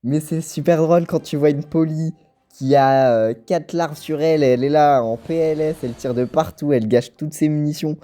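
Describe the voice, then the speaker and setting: A man's voice: a little high, steady tone, normal speed, dark tone. A man giving casual commentary on his gameplay, rambling and stammering as he repeats words. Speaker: gaming channel host.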